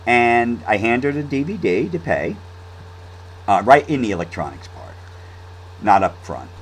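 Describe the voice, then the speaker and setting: A man's voice: medium pitch, very animated, measured pace, slight background noise, low-quality recording. A man telling a story in a casual, rambling monologue, with restarts and fillers. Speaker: vlog host.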